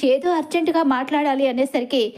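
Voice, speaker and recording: An earnest young man explains his worries to his brother, as a woman narrator voices him. The delivery stays high-pitched. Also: fairly quick, darkish tone, close to an everyday voice.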